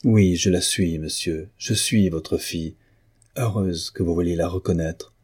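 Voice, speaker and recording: A devoted young heroine from a classic novel, timid and humble, begging softly, as a male narrator reads her. The voice stays low and dark, with a husky texture. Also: steady tone, a little slow. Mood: pleading. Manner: trembling, pleading and humble.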